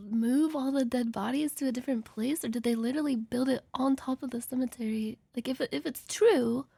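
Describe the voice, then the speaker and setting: Girl streamer w high voice n vocal fry, slangy sweary reaction chat. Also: fairly quick, warm tone, no echo.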